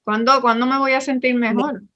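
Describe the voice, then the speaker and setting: A woman interviewing, asking gentle, halting questions and giving short affirmations. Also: high-pitched, fairly even intonation, lo-fi sound.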